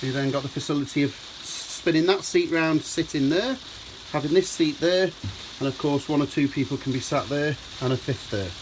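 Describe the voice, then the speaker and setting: A British motorhome dealer and reviewer gives a chatty walkaround of a motorhome, calling his viewers folks as he films on a handheld camera's mic. Inside, with rain falling outside, his fairly high voice moves at a moderate pace with few pauses over a noisy background.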